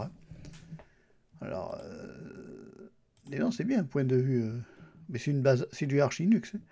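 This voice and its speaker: This man's voice is medium in pitch with a dark tone. Testing a Linux distribution for YouTube, he narrates a casual screen recording, thinking aloud to the viewer while checking out settings and apps.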